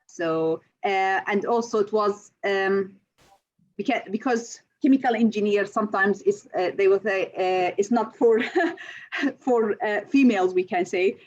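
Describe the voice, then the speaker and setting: A Syrian woman who lectures in chemical engineering answers interview questions, hesitating often with fillers. Her voice is medium-pitched and a little slow, and the recording sounds slightly dull.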